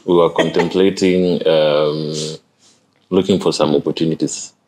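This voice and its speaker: A man's voice: extremely low pitch, fairly even intonation, a little slow, a little mellow. A man with a Kenyan accent telling stories casually, switching between English and Swahili. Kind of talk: casual conversational storytelling. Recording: light background noise.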